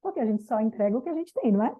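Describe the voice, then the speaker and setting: Middle-aged woman, women's mentor, breathy and a touch high, plain-spoken with mild slang, thin phone-quality sound. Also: sing-song, racing. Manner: casual and direct, addressing listeners, with mild slang. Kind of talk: motivational talk to a group. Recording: tinny phone-like audio.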